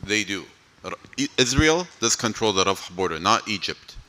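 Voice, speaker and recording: A man's voice: fairly low pitch, very animated, moderate pace, bright, forceful tone. A man from Palestine, speaking for an advocacy group, answers audience questions in a mosque hall in a conversational way, often saying "you know".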